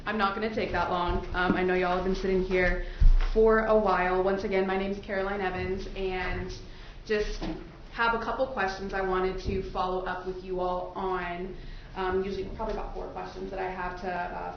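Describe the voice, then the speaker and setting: Her lowish voice has vocal fry as she, a defense attorney, questions prospective jurors into a courtroom microphone. The talk is casual and explanatory, recorded with echo, muffling and noise.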